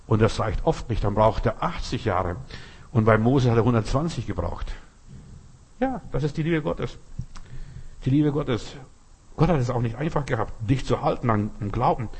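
Husky-voiced man preaching a sermon. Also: normal speed. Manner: addresses listener directly, vivid everyday images, lively shifts in pitch and loudness. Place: Berlin.

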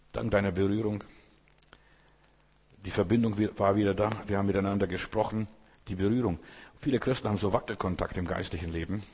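A man preaching a sermon in a low, husky voice, speaking straight to each listener. He repeats phrases and lets slow, emphatic pauses hang. His words ring out with the long reverb of a hall. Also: darkish tone.

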